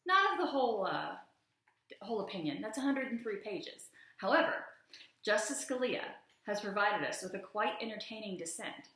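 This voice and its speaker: A woman in her thirties, host of a video channel, gives a theatrical, emphatic dramatic reading of formal legal text indoors at home, in a room beside a stairwell. Her mid-range voice is very animated and sharp at normal speed. A camera or laptop microphone about arm's length away captures a very echoey room.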